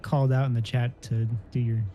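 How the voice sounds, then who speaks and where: A man co-hosting a casual gaming livestream, making dry low-key remarks. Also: flat delivery, fairly quick, dark tone, lo-fi sound, soft background music. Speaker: stream co-host.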